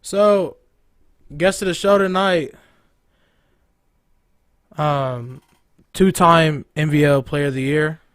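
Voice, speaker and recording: A man's voice: on the high side, takes it slowly, pauses often, a bit bright, clear, resonant tone, no echo, clean studio sound. A man hosting a local sports talk show in a casual, conversational style. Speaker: host of a local high school sports show.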